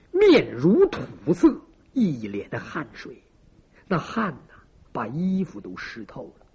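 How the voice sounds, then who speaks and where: Animated husky storyteller man. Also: sits high. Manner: dramatic, vivid with sound effects and asides to listeners. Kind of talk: traditional pingshu storytelling. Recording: lo-fi dull recording.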